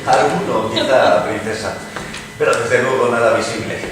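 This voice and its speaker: A man's voice: medium pitch, moderate pace, natural voice. A man playing a caustic, mocking English poet lord in a dramatized reading, with ornate, insinuating delivery. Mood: sardonic. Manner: wry, insinuating, ornate oratory. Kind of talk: dramatized radio theatre reading. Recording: distant, very echoey noisy room.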